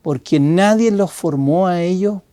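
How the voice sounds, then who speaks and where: A man with a Chilean Spanish accent preaching a sermon as pastor, animated and acting out a guard who shouts warnings. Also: high voice, unhurried, no echo.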